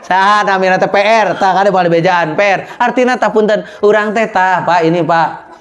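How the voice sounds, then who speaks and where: A man preaching a lively storytelling sermon, animated and joking with the audience. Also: high voice, normal speed. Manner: animated, mixes in regional phrases, jokes with the audience.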